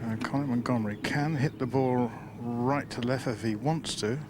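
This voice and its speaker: Man out on the course doing golf commentary, medium pitch, matter of fact, noisy outside. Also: steady tone, normal speed. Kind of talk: live golf commentary, reporting from beside play. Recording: noisy outdoor broadcast.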